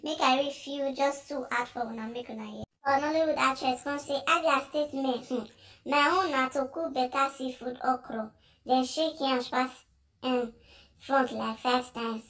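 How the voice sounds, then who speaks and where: A high-pitched woman with a Nigerian accent chats through social media clips and reads out viewer comments. She talks casually and laughs often as she goes. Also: steady tone, normal speed, a bit bright.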